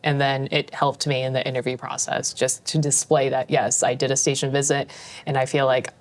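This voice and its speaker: A woman's voice: rumbling low, flat delivery, fairly quick. A woman firefighter on a panel, explaining plainly and earnestly. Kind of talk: casual panel chat.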